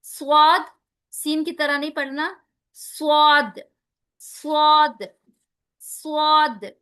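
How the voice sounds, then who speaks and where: A woman teaching a recitation lesson, spelling out letters slowly and carefully between quick explanations. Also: high voice, a bit bright.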